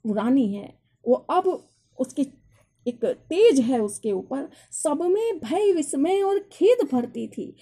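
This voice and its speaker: A woman teacher walks a class through a poem. Her voice sits high, with a soft, mellow and slightly husky tone. She reads each verse slowly and then explains it in plain words. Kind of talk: explaining a Hindi poem line by line.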